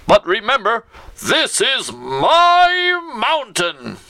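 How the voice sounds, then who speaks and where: A man voicing a proud, menacing male mountain goblin in a storybook tale, speaking slowly and heavily. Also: very high-pitched, wildly swooping pitch, pushed and bright, no echo, exaggerated voice. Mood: warning.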